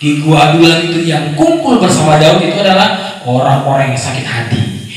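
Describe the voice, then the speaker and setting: Animated male preacher in an echoey hall. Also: fairly high pitch, normal speed. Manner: animated, acts out scolding voices and rhetorical questions. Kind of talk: sermon. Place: church youth service hall. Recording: echoey hall, far from mic, faint noise.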